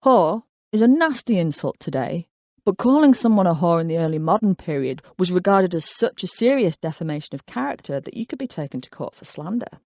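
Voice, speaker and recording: A nonfiction audiobook narrator reading in a measured, articulate way with wry asides. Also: mid-range voice, very animated, darkish tone, no room sound, clean studio sound.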